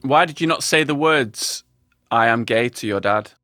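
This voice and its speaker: A man hosting a podcast, narrating a scripted introduction and asking interview questions in a measured, expressive way. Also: mid-range voice, no room sound, faint music behind. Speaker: podcast host.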